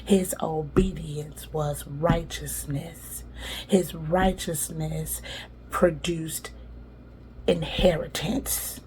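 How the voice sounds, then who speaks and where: A woman hosting a devotional podcast, giving faith-based motivational teaching with lively, dramatic storytelling and casual slang. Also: low-pitched, very slow, slight background noise.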